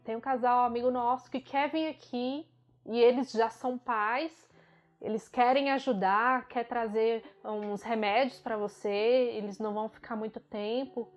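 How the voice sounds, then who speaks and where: A woman's voice: fairly high pitch, fairly even intonation, normal speed. A young woman from Brazil telling her own story of early motherhood, candid and emotional, often correcting herself mid-sentence. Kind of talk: personal storytelling. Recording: slightly dull recording with faint music.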